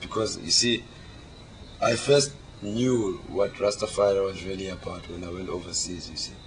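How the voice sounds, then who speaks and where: Over clear background noise, a low-pitched man explains his beliefs in Rasta speech. He sounds devout and emphatic, circling back on phrases as a preacher would. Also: fairly even intonation, normal speed. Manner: emphatic, repeats words as he preaches. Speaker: Rastafarian interviewee. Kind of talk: explanatory religious interview talk. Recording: clearly noisy location recording.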